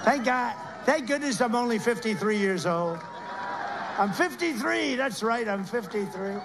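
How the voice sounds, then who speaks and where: A man's voice: extremely high pitch, animated, measured pace, noisy background. A man giving a rambling rally speech, heaping repeated praise on people in the crowd. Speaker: political speaker at a rally.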